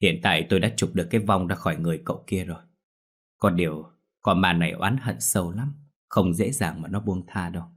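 A man voicing an older exorcist in an audio ghost story, brisk and grave. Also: deep voice, slightly rough. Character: calm older male exorcist, grave and knowing.

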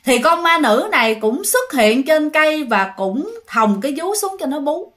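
Woman storyteller for a ghost story channel, high voice, chatty with listeners. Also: big pitch swings, unhurried, a bit bright. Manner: chatty, often addresses listeners directly.

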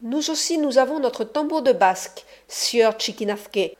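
A woman's voice: on the high side, animated, measured pace, voice pushed up. A woman reading an audiobook, voicing a proud, hot-tempered male ruffian who boasts and threatens. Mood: blustering.

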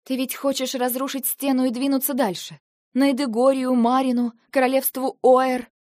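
A woman's voice: medium pitch, fairly even intonation, moderate pace, dry recording, studio quality, close to an everyday voice. A woman reading an audiobook, voicing a frightened and defiant young heroine whose lines are emotional and pleading. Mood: tense. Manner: emotional, pleading, rising to shouts. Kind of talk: audiobook dialogue.

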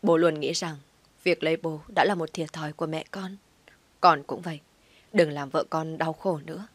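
A woman voicing a weary, gentle old father. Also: a little high, fairly even intonation, normal speed, dry recording, close to an everyday voice. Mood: weary tender.

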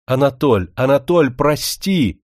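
A man's voice: mid-range voice, normal speed, a little mellow, no echo, clean studio sound, lightly acted. A man voicing a proud young princess in a spoken story, pleading and indignant by turns.

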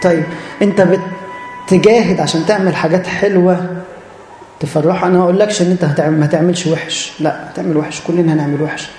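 A man's voice: sits high, fairly even intonation, fast talker, darkish tone, roomy sound, faint music behind. A man with an Egyptian Arabic accent preaching a church sermon, earnest and direct, repeating phrases for emphasis.

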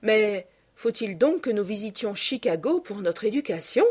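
A woman's voice: mid-range voice, big pitch swings, normal speed. Lady doing a cultured old gent, musing and a bit plaintive, storybook.

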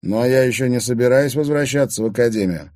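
A man's voice: mid-range voice, fast talker, warm tone, no room sound, clean studio sound, pitched above the performer's own voice, natural voice. A man reading an audiobook, voicing an arrogant, charming young man who talks in a smug, teasing way. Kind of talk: audiobook character voice.

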